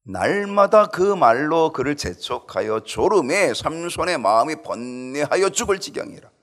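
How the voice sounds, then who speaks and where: Animated male pastor preaching. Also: a little slow. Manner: animated preaching, acts out quoted pleas in high voice. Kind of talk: Bible study sermon.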